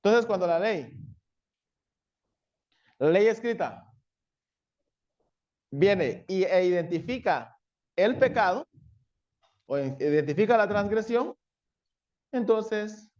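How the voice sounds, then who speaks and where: A man preaching a sermon as pastor, often checking in with his congregation and acting out the law shouting accusations. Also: high voice, lively intonation, slow, pauses often, dull audio. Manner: asks the congregation frequent "¿sí?" and "¿verdad?".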